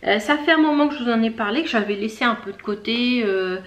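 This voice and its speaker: A woman hosting a knitting video podcast from home, chatting casually with many fillers, pausing to search for words and things. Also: a little high, expressive, muffled recording. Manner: chatty, talks straight to viewers. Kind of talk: casual show-and-tell chat.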